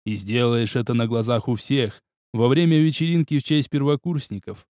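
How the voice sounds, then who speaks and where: A man voicing an unseen, deep-voiced male spirit who calmly advises the hero. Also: no echo, studio quality, natural voice. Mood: calm, instructive. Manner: slow, calm, instructive.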